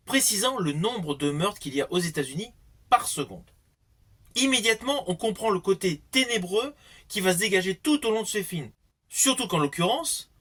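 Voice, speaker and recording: A man's voice: sits high, a bit bright, breathy edge. A man giving a scripted film review, explaining things with emphatic phrasing. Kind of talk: scripted movie review narration.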